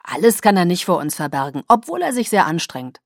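A woman's voice: lowish voice, very animated, a little fast, a little mellow, no echo, studio quality. A woman doing a cheerful teenage werewolf boy. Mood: calm.

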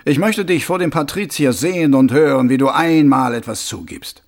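A man's voice: fairly high pitch, moderate pace, lightly acted. A man voicing a stern, tired male watch commander in an audiobook, growling clipped commands. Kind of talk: audiobook character voice.

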